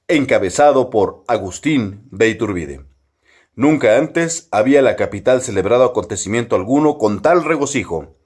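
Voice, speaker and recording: A man's voice: medium pitch, a little mellow. A man voicing a grand old-time newsreel announcer, declaiming a period news bulletin solemnly. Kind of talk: reading a period news item aloud.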